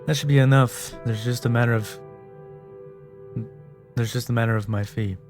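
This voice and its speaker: A man's voice: medium pitch, fairly even intonation, normal speed, darkish tone, soft background music, natural voice. A man voicing a hard-boiled private detective, asking short clipped questions. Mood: terse.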